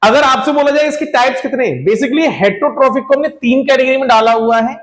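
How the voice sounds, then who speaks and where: A man's voice: very high-pitched, a little fast. A male teacher lecturing to a class. He keeps asking the class rhetorical questions, repeats key points, calls his students children, and mixes English terms into his speech.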